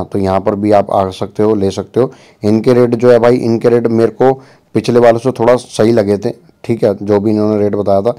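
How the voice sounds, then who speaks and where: A young man with a lowish, warm voice vlogs casually while walking through an outdoor open-air market. He's chatty and repetitive, repeatedly saying "bhai" and "theek hai" as he goes.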